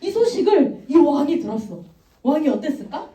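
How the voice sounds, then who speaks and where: A woman evangelist giving an animated children's sermon and quizzing the kids. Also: high voice, moderate pace. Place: church room. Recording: echoey room, mic far off.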